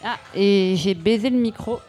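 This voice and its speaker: A woman's voice: mid-range voice, normal speed, mellow, soft background music. A woman hosting a live radio show in front of an audience, upbeat and handing off to guests.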